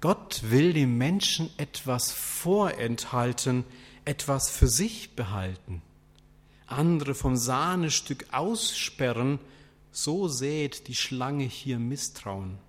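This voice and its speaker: A man preaching a sermon, asking rhetorical questions in a deliberate, questioning way. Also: medium pitch, lively intonation. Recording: long hall reverb.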